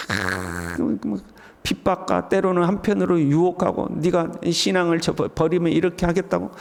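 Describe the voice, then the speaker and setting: A man with a notably high voice preaches an early morning sermon in a church sanctuary. His voice rings out with a long reverb through the room. He leaps into loud, exuberant exclamations when he acts out the calls to praise. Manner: swings to loud excited exclamations when voicing the psalm's call to praise. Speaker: pastor.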